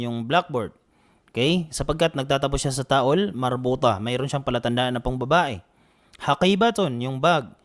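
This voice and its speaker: A man teaching an online Arabic grammar class with steady patience. He repeats each rule more than once and keeps checking that the students follow. He slows down carefully whenever he reads out an example phrase. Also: a little high. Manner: patient, repeats points, frequent "naam" and "okay" checks. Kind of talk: online language lesson.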